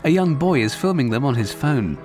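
A narrator reads scripted audio description. The pitch moves around noticeably as each action is described, and music is clearly heard underneath. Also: big pitch swings, fairly quick, darkish tone.

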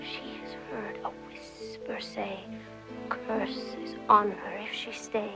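A woman's voice: mid-range voice, flat delivery, slow, creaky, music in the background. An actress playing an imaginative orphan girl who speaks earnestly in formal, wordy phrases. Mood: reciting softly.

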